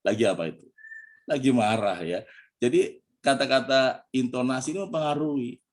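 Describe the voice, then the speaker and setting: A man's voice: mid-range voice, normal speed. An Indonesian man giving a motivational religious talk as a coach, chatty and full of questions to his listeners, acting out tones of voice to make his points. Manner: chatty, peppers lines with "ya", asks the audience questions; acts out tones of voice to demonstrate intonation.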